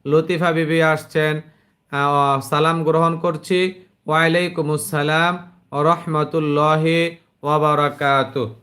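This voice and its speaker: A man with a Bangladeshi Bengali accent leads an online Quran class. His voice sits a little high for a man, and he speaks slowly and patiently. He stretches each recited verse out before explaining it plainly to his students. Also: flat delivery, a bit bright. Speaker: Quran teacher.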